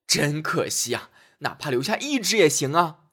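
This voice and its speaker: A man's voice: on the high side, wildly swooping pitch, moderate pace, full character voice. A man voicing a fussy, hungry male master of the house in a children's fairy tale, brusque and easily upset. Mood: regretful.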